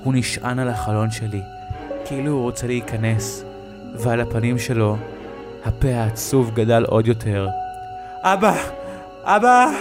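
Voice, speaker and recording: A man narrating a horror story in a slow, dramatic storytelling manner. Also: mid-range voice, little pitch movement, music in the background.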